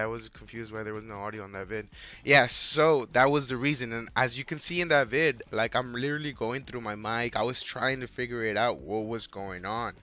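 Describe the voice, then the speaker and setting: A man in his twenties chatting casually on a livestream with a hoarse, worn-out voice, rambling in slang and repeating his phrases. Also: mid-range voice, pushed and bright. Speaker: live game streamer.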